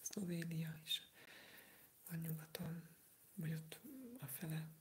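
A man hosting a live ASMR stream, answering viewer comments in a soft unvoiced whisper. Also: on the high side, completely flat delivery. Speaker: ASMR livestream host. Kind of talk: whispered ASMR livestream chat.

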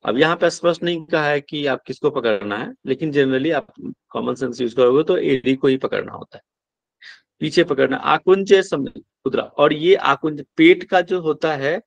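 A male yoga teacher, giving a lecture. He chants Sanskrit verses slowly, then explains them in quick, plain speech, often checking with "right?". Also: on the high side, creaky, no room sound.

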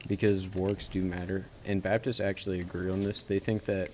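A man with a very low, dark voice gives loose commentary over a game. He speaks in a flat, even line. He rambles and keeps restarting his sentences. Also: slight background noise. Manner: rambling, halting, self-correcting. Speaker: gaming channel host. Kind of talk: casual gameplay commentary.

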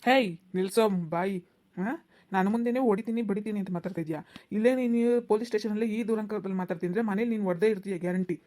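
A woman's voice: mid-range voice, racing, darkish tone, lightly acted. A woman voicing a stern male police officer who scolds and threatens people in a cartoon. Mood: scolding. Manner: scolding, bossy.

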